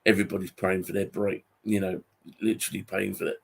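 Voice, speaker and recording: In an unscripted, casual monologue, a weary British man in his forties who hosts a YouTube channel grumbles along in a low-pitched, husky, rather flat voice. His delivery is halting, with frequent stops and repetition.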